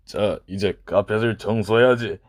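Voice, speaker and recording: A man voicing a huge, mean castle master in a children's storybook, speaking slowly, low and mocking. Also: steady tone, close to an everyday voice. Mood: taunting.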